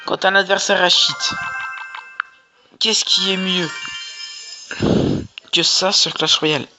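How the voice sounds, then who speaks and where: A gamer doing casual, slangy, exclamatory live commentary on gameplay, with a mid-pitched voice. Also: fairly even intonation, slow pace. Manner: informal, slangy, exclaiming at plays. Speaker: gaming video creator. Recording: music behind the voice. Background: music.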